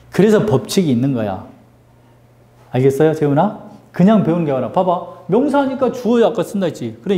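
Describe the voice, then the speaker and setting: A male English teacher giving a lively classroom grammar lesson, drilling students with call-and-response questions and teasing them. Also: on the high side, echoey room.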